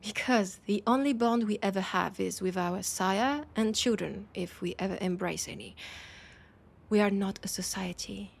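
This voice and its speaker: This time the French-accented woman voicing the tired, wry vampire turns bitter and weary. She keeps a medium pitch and moderate pace, her breathy, husky delivery hesitant and confiding, suited to the intimate audio roleplay.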